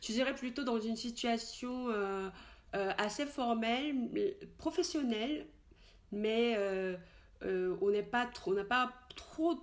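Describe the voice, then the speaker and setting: Woman teaching in hesitant French. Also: on the high side. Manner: slow, repeated model pronunciations of Korean words; hesitant French with many fillers and restarts. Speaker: Korean language teacher. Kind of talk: casual spoken language lesson.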